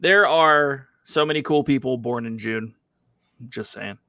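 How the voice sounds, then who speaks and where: A man's voice: mid-range voice, a little slow, bright, forceful tone. A man co-hosting a casual podcast, playfully repeating words for laughs. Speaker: podcast co-host. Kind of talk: casual chat.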